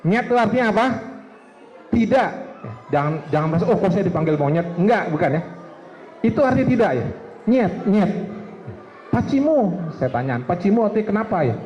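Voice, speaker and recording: A man's voice: sits high, lively intonation, quick pace, darkish tone, muffled recording. A male preacher in a mosque, telling a story to students with quoted dialogue and questions to the room. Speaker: ustadz preacher. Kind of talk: lively religious talk to students.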